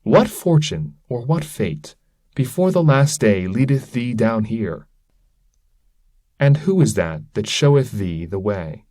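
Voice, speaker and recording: Within a poetry reading, a man voices the spirit of a damned scholar, a fatherly, bitter old mentor who speaks in grave, archaic oratory with a wondering mood. His mid-range voice is slow and darkish with big pitch swings, recorded with no room sound.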